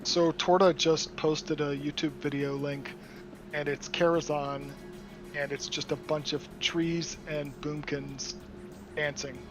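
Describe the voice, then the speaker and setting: A man on a casual group voice chat, explaining in quick bursts while playing an online game. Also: on the high side, level tone, over music. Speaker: gamer on voice chat.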